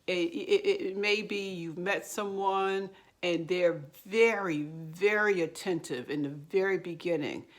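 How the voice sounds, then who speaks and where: A woman giving earnest, explanatory counseling advice straight to camera, pausing on fillers and restarting her sentences. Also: fairly low pitch. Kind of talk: direct-to-camera advice talk.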